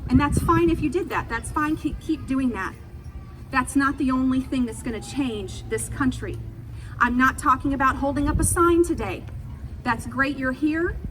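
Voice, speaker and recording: A middle-aged woman giving an earnest, emphatic public speech at a protest, partly off the cuff, phrasing deliberately and repeating for effect. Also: high voice. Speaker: speaker at a protest rally. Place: public rally, speaking to a gathered crowd. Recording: distant mic, noisy outdoor rally sound.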